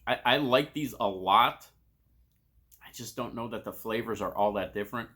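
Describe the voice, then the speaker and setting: A man's voice: on the low side, moderate pace, bright, forceful tone. A man giving a casual food review to camera as host, tasting and crunching chips between remarks.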